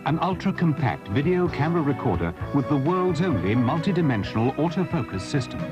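A man reading a scripted product voice-over in a smooth, measured manner, heard from an old VHS tape. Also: a little high, very animated, lo-fi sound. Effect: old VHS tape audio. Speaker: promotional narrator. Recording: voice-over over loud music. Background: loud backing music.

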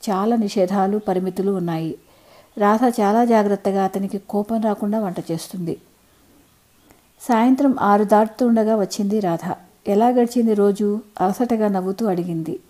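Woman storyteller, warm and mellow tone, calm even audiobook narration. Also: medium pitch, poor audio.

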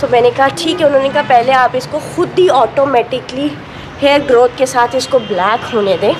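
A woman's voice: sits high, normal speed. Chatty young woman vlogging from a car. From Pakistan. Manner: chatty, storytelling. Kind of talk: casual vlog chat to camera. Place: inside a car and a salon. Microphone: handheld phone camera at arm's length. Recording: noisy street and car background.

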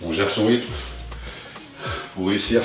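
With a lowish voice and a slightly slow delivery, a young adult fitness coach leads a workout while exercising, cheering listeners on with brief, motivating instructions. He's in an indoor living room. Clear music plays behind him, and the distant mic captures lots of echo.

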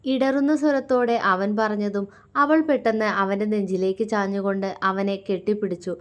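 A woman storyteller reading a romance story aloud in an emotive, measured way. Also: mid-range voice, steady tone. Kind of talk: scripted narration of a romance story.

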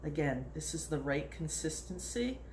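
A woman in her sixties hosts a casual home cooking video in her kitchen, chatting, rambling and laughing often in a deep voice with lively intonation at normal speed. A nearby phone records her, picking up an echoey room with background noise.

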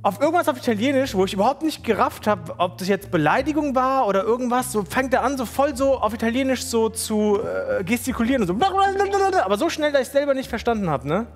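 High-voiced man telling a story. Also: quick pace, hardly any pauses. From Germany. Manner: slangy and animated, acts out quotes. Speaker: streamer. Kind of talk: casual storytelling.

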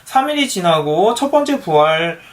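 A man's voice: high voice, big pitch swings, moderate pace. A father reading a picture book aloud to his young child, patiently asking her questions as he reads.

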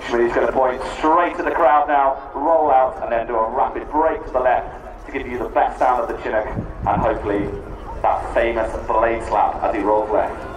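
A man's voice: mid-range voice, fairly even intonation, normal speed. A man giving live airshow commentary, explaining the display as he announces it to a crowd. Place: outdoor airfield public address. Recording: echoey distant loudspeaker, loud helicopter noise. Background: helicopter noise outdoors.

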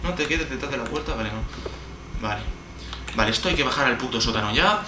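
A man's voice: medium pitch, expressive, quick pace. A man with a Spanish accent from Spain, hosting a horror game let's play, nervous, jumpy and swearing constantly. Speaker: gameplay video host. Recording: roomy, distant mic, background noise.

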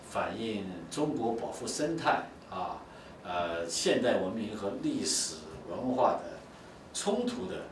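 A man, a film director, giving halting, informal remarks at an exhibition, with frequent fillers and pauses. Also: lowish voice, background noise. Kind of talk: casual on-site remarks. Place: large indoor exhibition hall. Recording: echoey hall from far off.

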